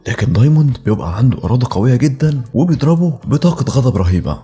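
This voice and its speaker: A man with an Egyptian Arabic accent, narrating a film recap in a brisk, scripted storytelling manner. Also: medium pitch, mellow.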